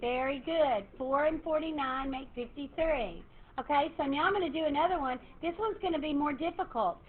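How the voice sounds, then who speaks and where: A woman math teacher, lecturing her class in a lively, encouraging way and quizzing students. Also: high-pitched, a little fast. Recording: tinny phone-like classroom recording, faint hiss.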